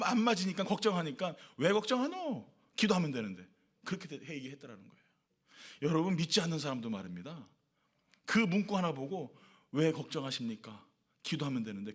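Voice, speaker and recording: High, animated man preaching. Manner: emphatic preaching with rhetorical questions and repeated lists. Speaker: pastor. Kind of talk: sermon. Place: church worship service.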